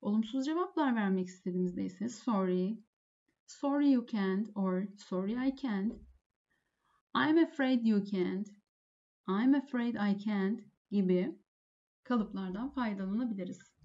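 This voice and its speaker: A woman English teacher giving a lesson, saying each phrase slowly and then translating it. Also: medium pitch, warm tone, highs cut off. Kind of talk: lesson explaining phone phrases.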